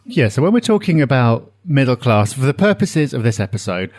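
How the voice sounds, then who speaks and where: A man's voice: medium pitch, sing-song, a little fast, a little mellow. A man co-hosting a podcast, explaining a topic in casual chat and walking through figures with the odd um. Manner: explanatory, citing figures with some filler ums. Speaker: podcast co-host.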